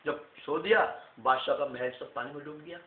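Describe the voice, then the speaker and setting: A man casually telling a folk tale to family in a lively, chatty way, recorded on a phone with a tinny, echoey sound. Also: a little high, moderate pace. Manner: lively, chatty, addresses listeners as "bhaiya". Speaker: family storyteller.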